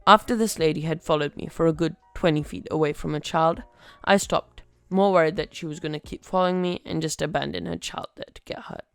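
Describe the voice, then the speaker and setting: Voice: mid-range voice, steady tone, fairly quick, creaky, clean tone, dry recording, faint music behind. A podcast host reading online stories aloud in a wry, conversational way. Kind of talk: story reading.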